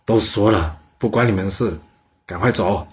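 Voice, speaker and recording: A man voicing a doomed ancient king who speaks with weary calm in a history story. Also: fairly low pitch, normal speed, slight background noise, natural voice. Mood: resigned.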